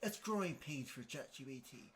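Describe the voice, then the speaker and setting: A man's voice: mid-range voice, animated, normal speed, a bit bright. A man hosting a podcast, rambling and self-interrupting in an exasperated casual monologue while reading text aloud. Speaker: podcast host.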